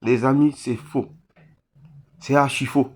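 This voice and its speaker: A man from Réunion speaking straight to his viewers, halting and full of restarts, pleading for help after a cyclone. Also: mid-range voice, fairly even intonation, a little mellow, slightly rough. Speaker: vlogger appealing for donations. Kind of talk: emotional appeal to camera.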